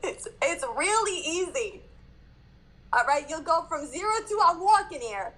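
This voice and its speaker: A woman with a New York accent playing a card game aloud, giggly and playful, thinking out loud with a lot of hesitation. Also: very high-pitched, animated, measured pace, poor audio. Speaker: player.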